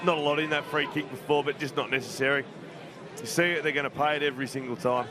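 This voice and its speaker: A man's voice: a little high, fairly even intonation, fast talker, noisy background. An Australian man giving conversational, opinionated special comments during a live football broadcast. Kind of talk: live sports analysis. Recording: crowd behind live commentary. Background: crowd at outdoor ground.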